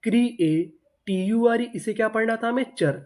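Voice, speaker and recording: A man's voice: sits high, normal speed, a little mellow. A man teaching English reading, spelling words letter by letter and answering his own questions.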